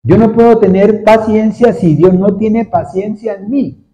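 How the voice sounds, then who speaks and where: A male pastor preaching a sermon to a congregation, repeatedly asking them questions in a steady, repetitive cadence. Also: sits high, measured pace. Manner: asks the congregation frequent questions. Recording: dull lo-fi recording. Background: seated congregation.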